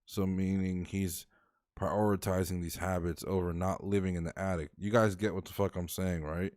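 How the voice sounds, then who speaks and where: A man's voice: deep voice, level tone, normal speed, a little mellow. A man streaming and reacting to videos, chatting casually, swearing freely and thinking aloud. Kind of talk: casual live-stream commentary.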